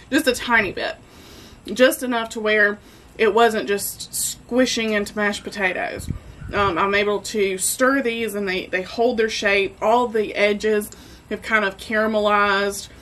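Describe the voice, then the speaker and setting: A woman's voice: mid-range voice, fairly bright tone, rough recording. A woman hosting a casual cooking vlog from her home kitchen, chatty and enthusiastic. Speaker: barbecue cooking host.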